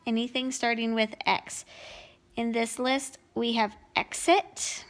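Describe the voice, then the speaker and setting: A woman's voice: a little high, fairly even intonation, takes it slowly, a bit bright. A woman teacher working through a grammar lesson at home, explaining each answer patiently.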